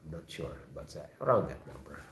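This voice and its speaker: A man with an Indonesian accent hosting a live chat room, talking casually and haltingly and often repeating short phrases. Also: rumbling low, sing-song, creaky, a bit bright. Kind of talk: casual chat, reading out chat messages. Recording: roomy echo, faint background noise.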